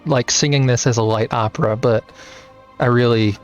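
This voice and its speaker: A male streamer chatting over his game in rambling, self-deprecating asides. His voice sits at a middle pitch and sounds slightly dull, with faint game music underneath. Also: fairly even intonation, moderate pace. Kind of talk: casual game commentary.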